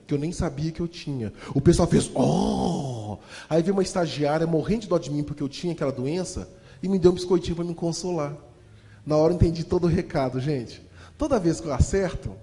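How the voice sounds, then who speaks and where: Brief: high-pitched man, animated comic storyteller in a reverberant hall. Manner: animated, fast-talking. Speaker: motivational storyteller. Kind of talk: humorous storytelling talk.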